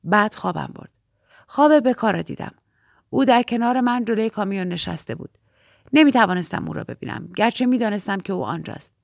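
A woman reading a first-person novel aloud in a measured, quiet storytelling way. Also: mid-range voice, expressive, gravelly, dry recording, clean studio sound. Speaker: audiobook narrator.

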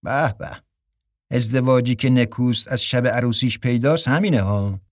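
A man's voice: mid-range voice, dry recording, lightly acted. Exasperated sarcastic man read by a male narrator: grumbling, exclaiming, dry audiobook read. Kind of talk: audiobook character reading.

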